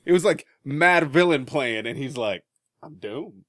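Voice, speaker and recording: A man's voice: fairly high pitch, expressive, normal speed, fairly bright tone, no echo, studio quality. A man co-hosting a podcast in casual chat, laid-back, swearing often and laughing a lot. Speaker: podcast co-host.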